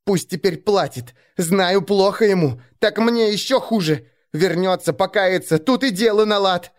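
A man voicing a spiteful young village girl who sobs and hisses in a high, shrill voice. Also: unhurried. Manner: shrill, tearful, hissing. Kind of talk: audiobook character voice.

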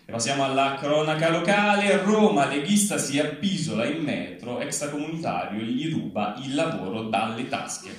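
Speaking at normal speed with few pauses, a medium-pitched man reads a mock news bulletin on stage, his intonation lively. His punchy newscaster manner sinks into each joke's payoff. Captured at a live reading event in a large hall, the audio is distant and heavily echoed, with faint noise.

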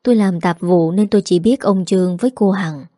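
A woman's voice: on the low side, brisk, dark tone, no room sound, studio quality, natural voice. A woman voicing a deferential middle-aged housekeeper in a story reading.

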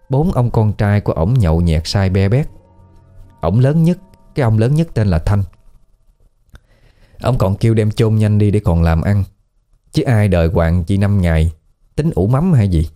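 A man with a Southern Vietnamese accent, telling a ghost story in a casual, conversational way. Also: fairly low pitch. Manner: conversational, colloquial, lively storytelling. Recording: faint background music.

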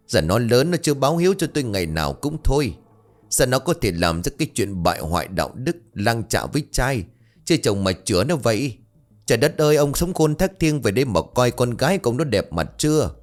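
A man's voice: lowish voice, natural voice. A man voicing a harsh middle-aged village stepmother who shrieks insults and wails.

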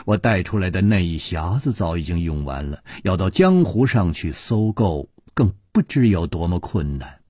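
A man voicing a sorrowful ailing woman in a storytelling performance, speaking quietly and subdued. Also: low-pitched, sing-song, measured pace, husky, dry recording, studio quality, full character voice. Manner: quiet, subdued, sometimes whispered.

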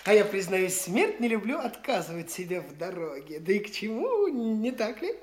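Her natural voice, medium in pitch and at normal speed, comes across as swaggering, lively and condescending as she plays a young man in a stage radio play: a boastful, flighty type passing himself off as an official and patronizing the locals. The sound is reverberant, with slight background noise.

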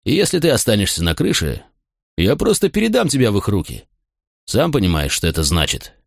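A man's voice: on the low side, huge pitch swings, a little fast, gravelly, no room sound, studio quality, exaggerated voice. A man voicing a stern, angry Roman centurion who speaks in blunt, harsh commands. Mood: cold.

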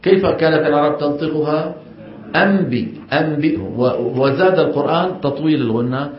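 Guy teaching a class, keeps quizzing the students, slightly high voice, muffled recording. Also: fairly quick. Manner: explains step by step, questions the class, models the sounds. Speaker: Quran recitation teacher. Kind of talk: classroom lesson. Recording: echoey room, dull sound.

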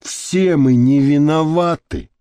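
A man's voice: medium pitch, very animated, a little mellow, no echo. Man voicing a weighty old prison boss. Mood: decisive. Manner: slow, weighty, lecturing. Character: gruff older male prison boss, sentimental.

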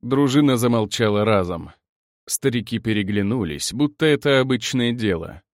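A man narrating a first-person audiobook in an expressive manner, sinking to a low murmur at tense moments. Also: normal speed, no echo, studio quality.

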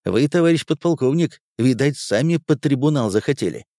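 Cool-headed army lieutenant, soft persuasive tone, read by a man; dry close audiobook sound. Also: mid-range voice, animated, a little fast, dry recording, lightly acted. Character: calm shrewd male army lieutenant.

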